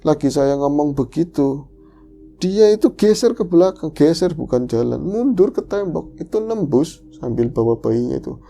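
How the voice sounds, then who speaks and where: Guy w twang telling a horror story, dark gravelly voice, faint music behind. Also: lively intonation, normal speed. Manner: dramatic, swings pitch and acts out quotes. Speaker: horror podcast host retelling a story. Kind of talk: first-person horror storytelling.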